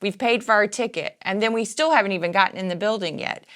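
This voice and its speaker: A woman's voice: medium pitch, fast, a bit bright. A woman co-hosting a talk show, explaining practical matters by listing them one at a time. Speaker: co-host. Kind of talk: casual talk-show chat.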